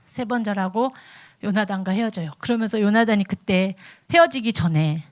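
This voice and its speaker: Woman evangelist, middle-aged, mid-pitched voice, lively storytelling sermon. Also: moderate pace. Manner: animated storytelling, acts out quoted dialogue. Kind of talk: morning devotional sermon.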